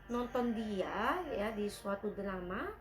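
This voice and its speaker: A woman's voice: medium pitch, slow. A woman chatting casually as a drama review vlogger, talking about herself by name and dropping in English phrases. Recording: roomy with soft background music.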